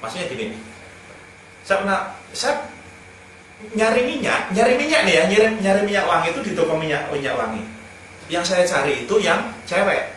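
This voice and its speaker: A man's voice: sits high, animated, normal speed, pauses often, a bit bright. A man giving casual, humorous self-improvement advice, telling anecdotes and chuckling between points. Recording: very echoey room, speaker far from mic, faint noise.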